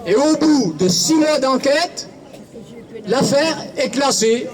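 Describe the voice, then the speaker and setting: A man's voice: very high-pitched, expressive, slow, some chatter behind. A man speaking at an outdoor protest rally, orating formally and quoting writers. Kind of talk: speech at a street rally.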